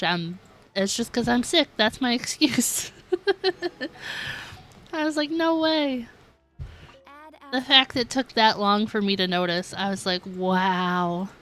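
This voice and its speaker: A woman hosting a game livestream talks casually while playing, in a mid-range voice with a fairly bright tone at a measured pace. She comes across as giggly and self-deprecating, keeping things informal and filling her speech with "like."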